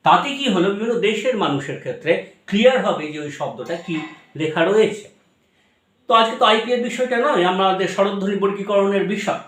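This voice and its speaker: A man with a Bengali accent giving a lecture to students, explaining step by step with frequent pauses and fillers. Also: sits high, a bit bright, echoey room.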